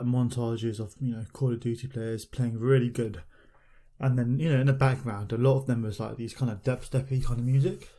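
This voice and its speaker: Rambling young man, mellow voice. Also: medium pitch. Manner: rambling, filler-heavy, loose storytelling. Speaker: podcast host. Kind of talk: casual solo podcast chat.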